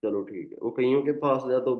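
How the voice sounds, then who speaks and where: A man leads a sales training session, speaking loudly in a chatty, coaching manner and pausing often to check that his listeners follow. His voice comes through a muffled, lo-fi line. It also carries a roomy, echoing sound. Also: mid-range voice. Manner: conversational, leans on tag questions. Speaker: network marketing trainer. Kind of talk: motivational training talk. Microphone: phone or online call.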